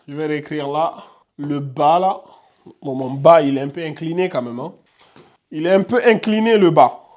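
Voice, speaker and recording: A man's voice: a little high, darkish tone. A man teaching beginners to read Quran letters, patient, with frequent fillers and repetition. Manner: patient, repeats himself, many filler "donc" and "euh". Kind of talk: casual beginner lesson at a whiteboard.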